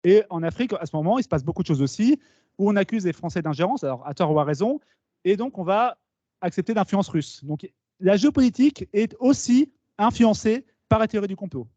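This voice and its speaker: Lively high-voiced man giving a talk. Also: a little fast, no room sound. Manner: lively, explains with asides and questions to the audience. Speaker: speaker at a talk. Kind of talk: conference talk to students. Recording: dull, slightly lo-fi meeting recording.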